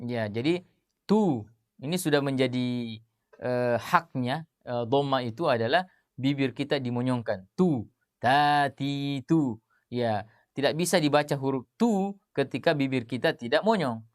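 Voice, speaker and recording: A man teaching tajwid, explaining rules in plain speech and reciting example words slowly and drawn out, with many fillers. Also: medium pitch, darkish tone, no room sound, clean studio sound.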